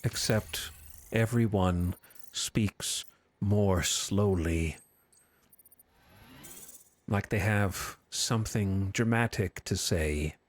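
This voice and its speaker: A man mimicking a mock-dramatic video game character in an exaggerated, hammy, slow-motion delivery. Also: fairly low pitch, no room sound, pitched below the performer's own voice. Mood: mock solemn.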